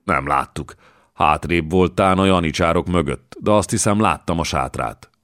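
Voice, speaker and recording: Guy reading as a breathless young soldier, urgent, low voice, dry sound. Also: a bit bright, dry recording.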